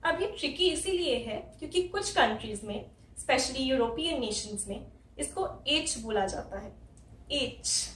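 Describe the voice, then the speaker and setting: A woman from India patiently teaches English pronunciation, repeating each letter sound slowly. Her voice sits high and unhurried. She sounds a little distant from the mic in an echoey room. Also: animated, a bit bright. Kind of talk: explaining letter sounds step by step.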